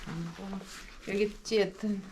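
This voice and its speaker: A woman's voice: medium pitch, fairly even intonation, moderate pace, a little mellow, slight background noise. A woman in her forties from Ukraine, a vlogging mother chatting casually with her family outdoors, doting and laughing often.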